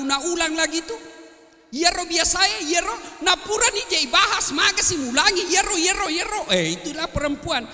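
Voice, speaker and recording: Man, humorous sermon, acts out voices, high voice, long hall echo. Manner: storytelling, acts out voices, swings from loud to quiet. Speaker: preacher. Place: large hall at a religious gathering.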